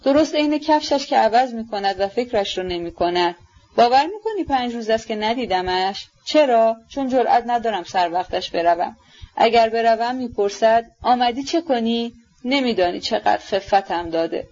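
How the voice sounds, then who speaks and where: A woman's voice: a little high, lively intonation, a little mellow. A woman voicing a brooding, jealous young man who speaks bluntly and bitterly, in a dull lo-fi recording.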